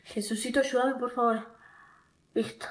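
A young Argentine woman with a bright, fairly high voice chats casually into her phone for followers. She has a cold, so she sounds stuffed up. She jokes at her own expense and whines when something hurts. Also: steady tone, a little slow. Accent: Argentine Spanish. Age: young adult. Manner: chatty, self-mocking, whiny when in pain. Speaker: TikTok creator. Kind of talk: casual vlog chat.

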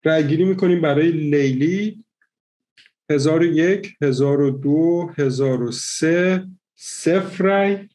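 Man, game host, measured methodical counting, slightly high voice. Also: a little mellow. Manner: counting votes slowly and methodically. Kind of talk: moderating an online party game.

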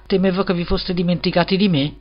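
A man's voice: high voice, steady tone, quick pace, voice pushed up. A man reading a storybook and voicing a little, humble, eager-to-please peasant gardener in a meek voice. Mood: mite. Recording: slightly dull lo-fi recording.

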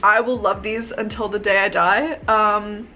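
A woman's voice: mid-range voice, steady tone, unhurried, sharp tone, slight background noise. A young woman in her twenties talking casually to camera in her bedroom, bubbly and gushing, with lots of "like" and "um". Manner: bubbly, chatty, gushing, frequent "like" and "um". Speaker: vlogger. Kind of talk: casual haul video.

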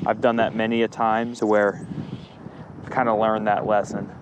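This pondside fishing host keeps his pitch fairly low and barely varies it, talking at a moderate pace. His chat with viewers is casual and lightly slangy, and the outdoor ambience is noisy.

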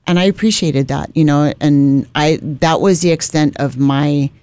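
A middle-aged radio executive from Hawaii tells her story on a podcast in a low, slightly mellow voice at a moderate pace, with no room sound. It's a casual interview chat recorded in a small radio studio on a boom-arm broadcast mic, and she often adds "you know."

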